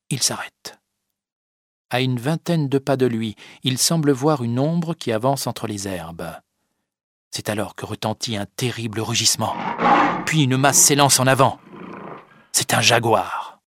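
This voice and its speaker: A man narrating a children's adventure story in a clear, measured storytelling manner. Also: mid-range voice, fairly bright tone, no echo, studio quality.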